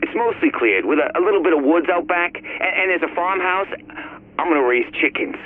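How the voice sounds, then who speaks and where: A man's voice: a little high, expressive, a little fast, lightly acted. An actor playing a nervous city man who talks in a hesitant, stammering way. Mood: earnest. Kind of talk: game audio log. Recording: tinny phone-like recording.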